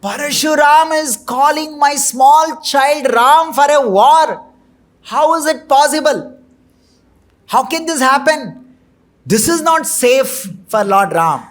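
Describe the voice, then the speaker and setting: A man's voice: high voice, expressive, measured pace, a bit bright. A man voicing a frantic old king begging. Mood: alarmed. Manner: frantic, begging, repeating words. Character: anguished old king pleading for his young son.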